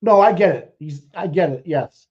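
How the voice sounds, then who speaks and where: Excitable man, muffled stream audio. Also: fairly high pitch, normal speed. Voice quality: profane, excitable, rambling with restarts. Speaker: co-host. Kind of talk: casual chat.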